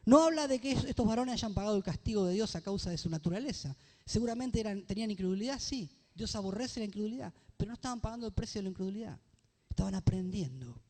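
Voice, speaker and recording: A man's voice: high-pitched, expressive, a little mellow, long reverb tail. A man preaching a sermon as pastor, rising into emphatic phrases and asking the congregation questions. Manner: reads scripture aloud slowly. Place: church.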